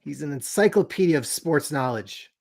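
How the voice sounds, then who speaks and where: A man hosting a casual family podcast at home, playful and quick with asides. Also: on the high side, expressive, gravelly, a little mellow. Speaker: podcast host.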